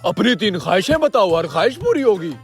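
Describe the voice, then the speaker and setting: A man playing a high-voiced sing-song genie. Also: big pitch swings, quick pace, soft background music. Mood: grand. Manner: laughing, sing-song grand pronouncements. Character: playful blue genie granting three wishes. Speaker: genie character in comedy sketch. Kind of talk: comedy sketch acting.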